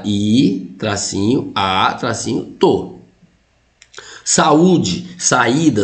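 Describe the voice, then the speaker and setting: Lively Brazilian man teaching grammar. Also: medium pitch. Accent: Brazilian Portuguese. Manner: explanatory, lively, jokes with students, frequent "tá?" and "ó". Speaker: Portuguese teacher. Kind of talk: exam-prep grammar lesson.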